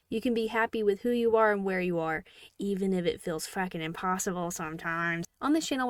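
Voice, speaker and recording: A woman's voice: medium pitch, no echo. Woman vlogger, casual and jokey, swears a lot, dry close sound. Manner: irreverent and jokey, swears freely. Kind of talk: casual scripted video commentary.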